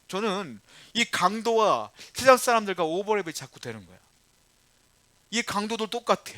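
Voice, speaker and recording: A man's voice: high voice, sharp tone, dry recording. A man preaching a sermon as a church pastor, talking to the congregation in a conversational way with rising, emphatic stresses.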